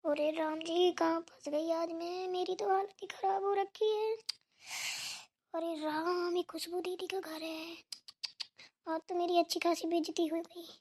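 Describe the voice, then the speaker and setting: Lady doing a meek nervous young sister-in-law, cartoon voice, super high pitched. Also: a little fast. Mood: fretful. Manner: meek, fretful. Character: humble young sister-in-law, flustered and embarrassed. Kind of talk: cartoon voice acting.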